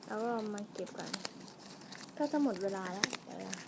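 A woman's voice: mid-range voice, animated, moderate pace, gravelly, heavy background noise. Chatty woman vlogger unboxing toys. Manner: chatty, addresses viewers, trails off and muses aloud. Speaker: vlogger reviewing toys and snacks. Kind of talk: casual unboxing vlog. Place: room at home.

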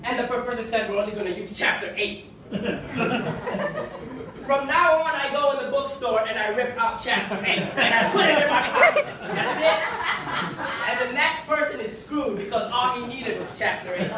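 A young man from Kenya performing a stand-up routine in a small comedy club, with a wry, conversational delivery and deadpan punchlines. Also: very high voice, a little slow, long pauses, a loud crowd. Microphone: handheld mic, filmed from far in the audience. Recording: echoey club from far off with audience laughter.

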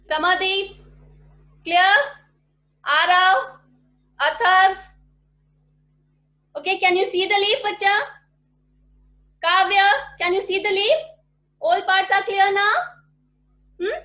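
High, bright-voiced teacher. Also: female voice, fairly even intonation, takes it slowly, long pauses. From India. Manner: patient, repeats questions and checks understanding often. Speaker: primary school teacher. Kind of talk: online class teaching. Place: small home room with bookshelves. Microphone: laptop webcam mic at desk. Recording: echoey room audio from a video call.

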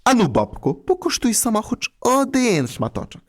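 A man's voice: sits high, huge pitch swings, moderate pace, pitched above the performer's own voice, exaggerated voice. A man voicing a polite, earnest young shepherd lad in a read-aloud fairy tale.

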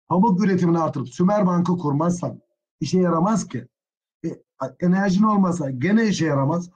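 Male history teacher, husky and fairly high, dull lo-fi class audio, indignant asides. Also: a little mellow. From Turkey. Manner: addresses students as friends, gets openly indignant. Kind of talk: exam prep history lecture.

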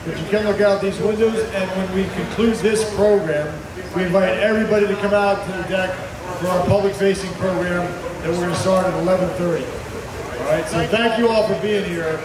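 Male event organizer, American, high voice, conversational; heard from afar over a crowd. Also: fairly quick. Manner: conversational, explanatory. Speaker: event organizer introducing the program. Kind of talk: informal event announcement. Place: indoor event suite with windows. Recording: very echoey, distant, crowd behind.

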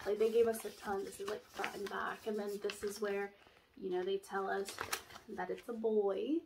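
A young woman with allergy-stuffed sinuses chats about her pregnancy in a casual, filler-heavy ramble for her vlog, in a medium-pitched, gravelly voice with little pitch movement and a moderate pace. There's background noise, and she's in a small room at home, framed at the chest by a camera in front.

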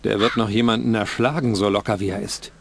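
An actor playing a young, earnest, dutiful bird catcher in a fantasy adventure game, musing to himself. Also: male voice, lowish voice, fairly even intonation, fast, gravelly, slight background noise. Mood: pensive. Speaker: game protagonist.

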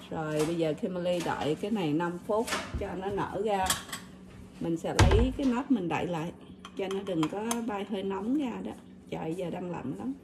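This cooking vlogger, a woman with a Southern Vietnamese accent, casually demonstrates a recipe step by step while chatting directly to viewers. Her voice sits at medium pitch amid background noise, with dishes and utensils clearly clinking around her home kitchen.

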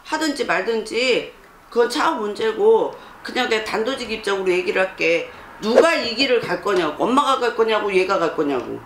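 A blunt fortune teller lectures and scolds, pushing for answers with sharp repeated questions. The voice sits in a roomy space. A faint hiss of background noise runs underneath. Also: medium pitch, lively intonation, moderate pace. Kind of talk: scolding counsel session.

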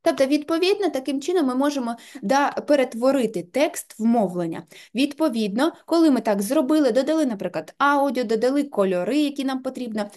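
Woman walking you thru an app step by step, soft mellow voice, lots of filler words, patient. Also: high voice, lively intonation, a little fast, hardly any pauses. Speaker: software tutorial instructor. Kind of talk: step-by-step screen tutorial.

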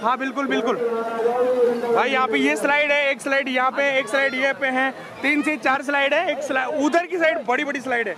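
Young guy hyping up a packed water park, voice way up high, loud crowd and splashing all around. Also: steady tone, fairly quick. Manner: loud, hyped, calls viewers "bhai". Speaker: vlogger. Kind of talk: excited vlog walkthrough. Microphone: action camera held at arm's length.

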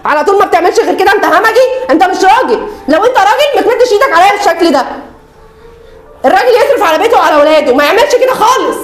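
A woman's voice: fairly even intonation, very fast. A woman playing a weary Egyptian mother. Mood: shrill angry. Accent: Egyptian Arabic. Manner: pleading and tender with her children, shrill when arguing. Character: weary, long-suffering young mother. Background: background music.

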